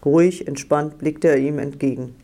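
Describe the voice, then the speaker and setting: A man reads an audiobook in a measured, deliberate way. His voice is mellow and rather high for a man, with a calm pace. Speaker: audiobook narrator. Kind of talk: scripted narration.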